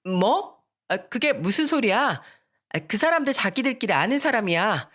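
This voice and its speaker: A woman's voice: fairly high pitch, lively intonation, normal speed, a bit bright. A woman voicing a cornered young woman who begs and whines tearfully to her friend in an audio story. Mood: flustered. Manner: whiny, begging, tearful pleading.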